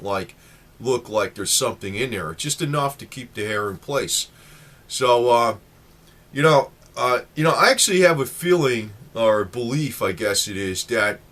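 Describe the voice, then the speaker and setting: A man's voice: medium pitch, pushed and bright. A man in his late fifties giving a casual, rambling talk to the camera with lots of fillers. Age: 50s. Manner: rambling, chatty, many fillers. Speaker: vlogger.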